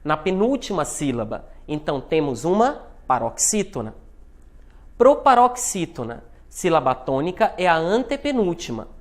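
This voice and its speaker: Measured Brazilian woman teaching grammar. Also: fairly low pitch. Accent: Brazilian Portuguese. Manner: measured, spells out examples one by one. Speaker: university lecturer. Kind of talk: scripted instructional narration.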